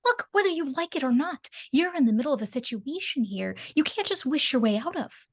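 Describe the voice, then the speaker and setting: A woman's voice: high voice, sing-song, fairly quick. A woman playing a brash, impatient, foul-mouthed captive wife in a script read. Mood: urgent, impatient. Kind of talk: table read of a film script.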